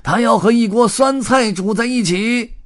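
A man voicing a greedy, hot-tempered old male tramp who shouts gruffly in a storybook reading. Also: extremely high pitch, moderate pace, voice pushed up. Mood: angry shouting.

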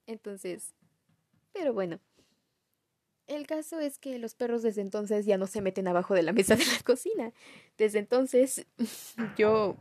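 A woman's voice: medium pitch, dark tone, dry recording. Giggly young Mexican woman vlogging. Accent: Mexican Spanish. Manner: chatty, self-mocking, giggly. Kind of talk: casual storytelling vlog.

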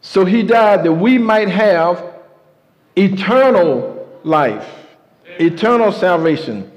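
Speaking slowly with lively intonation, a pastor with a high voice delivers an emphatic sermon, trading call-and-response with his congregation. The church sanctuary recording is muffled and carries a long hall reverb.

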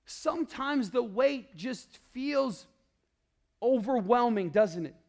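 A male pastor preaching a sermon, calling out to the congregation and swinging between loud declarations and hushed, low passages. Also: lively intonation, slow pace, vocal fry. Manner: calls out to the congregation.

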